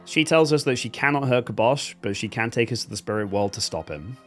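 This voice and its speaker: Over faint music, a gaming video host with a medium-pitched voice delivers fairly quick, comedic voice-over on a game he has played through. He's wry, sarcastic and animated, laughing at the game.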